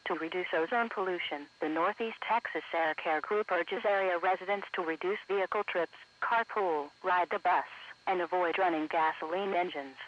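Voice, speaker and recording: A high-pitched male radio announcer reads scripted weather bulletins at a moderate pace with few pauses, in a formal, segmented, automated style. The radio broadcast was captured for an online stream and sounds muffled and lo-fi.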